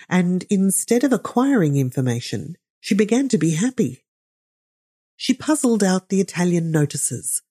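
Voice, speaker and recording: Woman reading a novel aloud, low husky voice, measured, bit ironic. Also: mellow. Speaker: narrator. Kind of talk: scripted audiobook narration.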